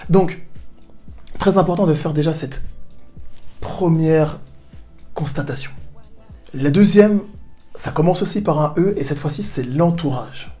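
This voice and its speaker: In a self-help video shot at his home in southern Spain, a man coaches the viewer directly to camera, casual and playful in his asides. His voice is a little high and mellow, unhurried and often pausing, with faint music in the background.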